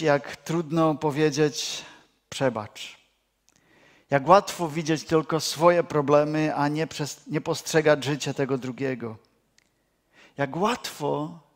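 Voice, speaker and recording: Slow, measured male preacher. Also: a little high. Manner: slow, measured delivery with pauses. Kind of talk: sermon.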